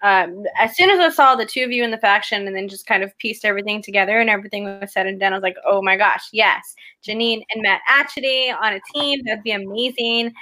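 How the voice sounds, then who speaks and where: A woman's voice: mid-range voice, fast, few pauses, sharp tone, poor audio. A woman co-hosting a casual chat, gushing with enthusiasm as a fan. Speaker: co-host.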